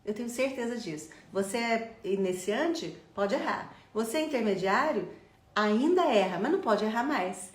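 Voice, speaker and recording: A middle-aged woman with a Brazilian Portuguese accent, teaching English pronunciation in an energetic way and drilling words by repetition. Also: on the high side, moderate pace, echoey room.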